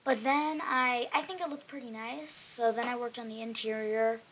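A woman giving a casual, rambling voice-over for her building game video, throaty and often clearing her throat, apologetic in manner. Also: on the high side, fairly even intonation, moderate pace, a bit bright, a little hiss or hum, poor audio. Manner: rambling, apologetic, filler-laden. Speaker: gaming channel host.

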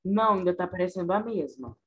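A woman's voice: fairly low pitch, lively intonation, fast, slight background noise, low-quality recording. A woman student with a Brazilian Portuguese accent giving short, hesitant replies over a video call.

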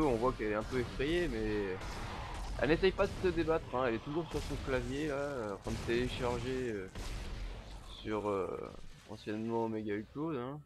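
A man's voice: mid-range voice, a little hiss or hum. Swearing, jokey young man playing a game. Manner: swearing, jokey, bursts of shouting. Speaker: gameplay commentator. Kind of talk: let's play commentary.

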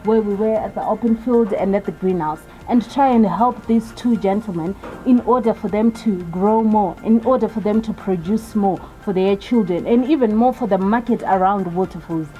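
Young woman host, encouraging, mellow tone, outdoor garden, faint music. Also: mid-range voice, moderate pace, hardly any pauses, poor audio. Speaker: show host. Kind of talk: outdoor farm interview.

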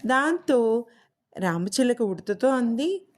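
Slow-talking woman telling a kids' story. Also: fairly high pitch, expressive. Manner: slow, warm, addressing children. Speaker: children's storyteller. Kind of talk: moral story read aloud for kids.

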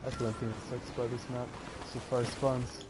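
A man's voice: mid-range voice, level tone, normal speed. A man with a hyped gamer-bro manner, giving slangy, repeated callouts to teammates in casual game chat. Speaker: online team gamer. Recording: game voice chat with background noise.

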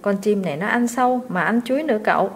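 A woman's voice: medium pitch, expressive, fast talker, a little hiss or hum, natural voice. Woman doing a timid poor servant boy. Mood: eager. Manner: pleading, earnest.

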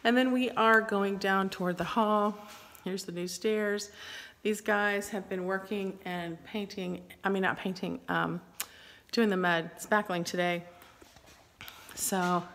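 A middle-aged woman vlogger with a medium-pitched, steady, slightly bright voice speaks slowly as she casually tours her bedroom during a home renovation. She rambles and laughs often, and her voice carries a long echo in the bare indoor room.

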